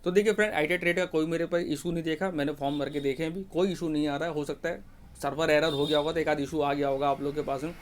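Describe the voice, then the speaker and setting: A man explains an application form in rapid, casual speech, his voice sitting a little high for a man. He keeps reassuring listeners and repeats his check-in phrase as he guides them through each step. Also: fairly even intonation. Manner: repeats "ठीक है ना" often, advising and reassuring. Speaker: exam guidance teacher. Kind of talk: informal Hindi explainer for job aspirants.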